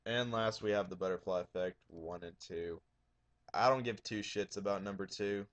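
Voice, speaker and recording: Loud, profane male vlogger, casual delivery, slightly low pitch. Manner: raising his voice, loud and profane. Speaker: horror DVD collector showing his shelf. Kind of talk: casual video blog.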